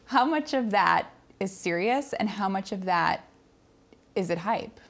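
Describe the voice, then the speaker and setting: A woman's voice: medium pitch, animated, slow pace, creaky. A young woman hosting an interview show, asking questions in a conversational style. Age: young adult. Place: indoor living-room style studio set.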